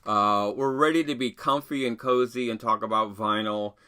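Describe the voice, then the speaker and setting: A man's voice: mid-range voice, steady tone, moderate pace, sharp tone, smooth. Upbeat male music host. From England. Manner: enthusiastic, rambling with fillers and rhetorical questions. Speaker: vinyl show host and sociology professor. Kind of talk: casual music talk to camera.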